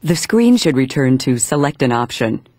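A man's voice: medium pitch, sing-song, a little mellow, dry recording. Man narrating instructions in dry studio sound. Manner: measured, step-by-step.

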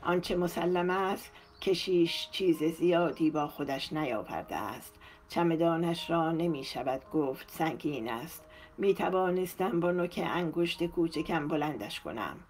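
A woman narrator voicing a gentle, quiet wife of the house in an audiobook, speaking softly. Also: low-pitched, a little hiss or hum, close to an everyday voice. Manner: soft, quiet speech. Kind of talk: audiobook character reading.

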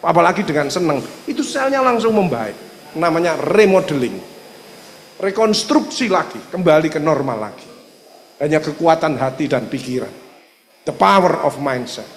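A man with an East Javanese accent, a doctor giving an animated religious health seminar talk, acting out dialogues. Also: on the high side, normal speed. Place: seminar hall. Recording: echoey hall reverb.

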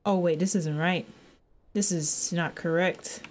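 A woman's voice: on the low side, fairly even intonation, measured pace, a little hiss or hum. A young woman giving casual horror game commentary as a scared streamer, rambling with nervous sarcasm and slang and often repeating herself. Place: small indoor room at a desk.

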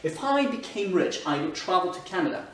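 Scottish male teacher, lesson in French, slightly high voice, roomy echo. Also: very animated, a bit bright. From Scotland. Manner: explanatory, stresses example words slowly. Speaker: online English teacher. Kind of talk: French-language English grammar lesson. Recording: echoey room, somewhat far from mic.

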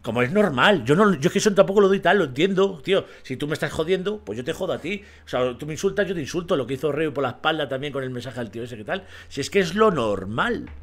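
A streamer with a Spain Spanish accent rants on a livestream, his voice a little high, animated and fast with hardly any pauses. He's blunt, profane, and combative, and he keeps asking his audience whether they agree.

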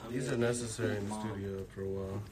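A man's voice: on the low side, steady tone, quick pace, darkish tone. A man telling stories in casual, slangy studio banter. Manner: laid-back storytelling, slangy. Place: recording studio.

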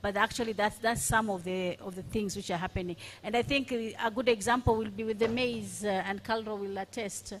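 A woman's voice: medium pitch, steady tone, fairly quick, few pauses, slight background noise. A woman panelist at a conference speaking on a handheld microphone, hesitant, with many fillers and restarts. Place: large conference hall stage.

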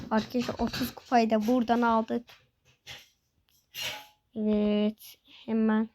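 A young gaming host giving excited live commentary while playing. They repeat the same phrases over and over and shout urgent commands at the screen. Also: medium pitch, slight background noise, low-quality recording.

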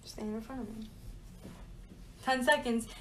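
A young woman with a high voice and an unhurried pace, giggly and teasing. She talks casually and playfully, as in a social media challenge clip, with slight noise behind her. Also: steady tone, fairly bright tone, low-quality recording.

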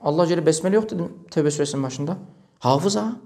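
A man's voice: on the high side, quick pace. A male preacher telling a story in a religious talk, acting out the dialogue. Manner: animated, acts out quoted dialogue.

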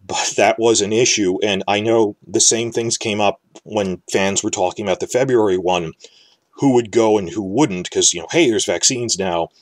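With a fairly low voice at normal speed and no room sound, a New York–area man offers casual solo commentary on fantasy TV. He rambles, speculates and frequently restarts his words.

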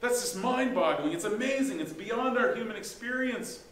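A man's voice: extremely high pitch, lively intonation, moderate pace, fairly bright tone. A man preaching a sermon as pastor, conversational and folksy, with rhetorical questions and casual asides. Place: church sanctuary. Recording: echoey church room, faint background hiss.

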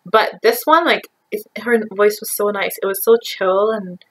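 A woman's voice: mid-range voice, normal speed, breathy edge. A young woman co-hosting a music reaction video, chatting casually and laughing often. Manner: chatty, laughing, full of likes. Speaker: reaction channel co-host.

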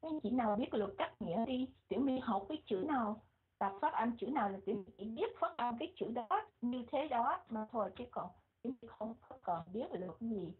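A woman with a Vietnamese accent teaching English pronunciation, repeating words slowly and switching between English and Vietnamese. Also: fairly high pitch, expressive, slightly rough. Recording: muffled, phone-like lo-fi audio.

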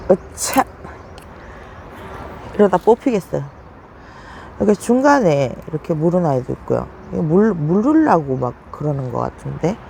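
A woman with a dark, creaky voice and lively intonation casually tours her succulents at a normal speed, pausing often over slight background noise. She is chatty, exclaiming over her plants with sudden high gasps.

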